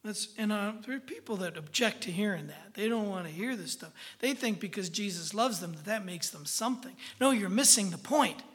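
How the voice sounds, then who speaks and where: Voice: mid-range voice, animated, a little fast, hardly any pauses. A preacher giving a conversational Bible-teaching sermon in a folksy, informal way, often checking in with the listeners.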